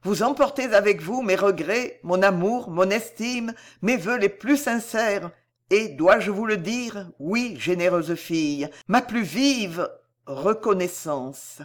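A woman reading an audiobook and voicing a gracious, tender older noblewoman in a formal, measured, affectionate manner. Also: medium pitch, animated. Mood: moved.

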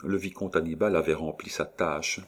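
A man narrating a classic novel in a measured, expressive storytelling manner. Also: very deep voice. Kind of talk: audiobook reading of a classic novel.

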